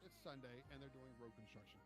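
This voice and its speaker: Give me an animated, foul-mouthed man retelling a trip, with music playing behind. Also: mid-range voice, fast talker. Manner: animated, profane, acts out quotes. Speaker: podcast co-host. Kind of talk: casual storytelling chat.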